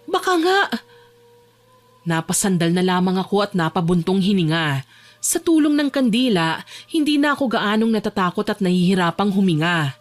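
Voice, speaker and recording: A young woman voicing a frightened young woman locked in a dark basement, tense and pleading as she narrates her own horror story. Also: mid-range voice, expressive, normal speed, no echo, natural voice. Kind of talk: first-person horror story narration and dialogue. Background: faint music.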